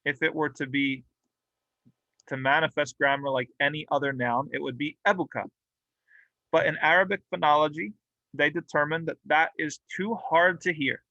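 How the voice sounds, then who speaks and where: A man's voice: fairly high pitch, sharp tone, dry recording, muffled recording. A man teaching a classroom grammar lesson, explaining patiently and drilling example words aloud with light humor. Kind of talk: classroom lecture. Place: mosque classroom.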